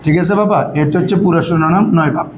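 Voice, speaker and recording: A man's voice: on the high side, fast talker. A man teaching an Arabic grammar lesson to students, prompting them to repeat answers back in call-and-response style. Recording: echoey room with background noise.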